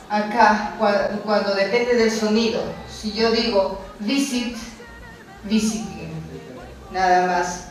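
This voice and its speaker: Slow-speaking woman teacher in an echoey room. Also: medium pitch. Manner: slow, drills Spanish-English examples, asks "¿ok?". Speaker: English teacher. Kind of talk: recorded grammar lesson. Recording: very echoey room, distant mic, faint noise.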